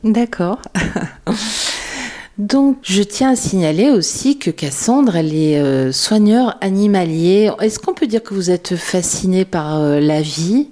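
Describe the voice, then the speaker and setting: A woman's voice: mid-range voice, animated, takes it slowly, mellow. A woman hosting a radio interview, asking questions in a friendly, conversational way. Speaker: radio host.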